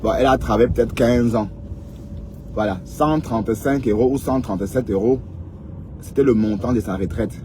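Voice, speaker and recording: A man's voice: mid-range voice, normal speed, mellow, a little hiss or hum. A man in his fifties giving lecturing advice in a casual vlog monologue, repeating points and prodding listeners with "hein?". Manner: lecturing, repetitive, frequent "hein?". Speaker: vlogger.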